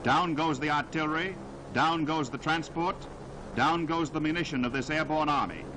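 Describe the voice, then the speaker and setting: This 1940s newsreel narration comes from a slightly high-pitched man speaking in a grand, declamatory manner, each phrase weighted and deliberate. The vintage recording is very noisy.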